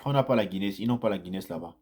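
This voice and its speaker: At a very fast clip, a man with a lowish voice chats to viewers about his immigrant experience, telling casual first-person stories as a vlogger. He repeats phrases and gets animated in his anecdotes.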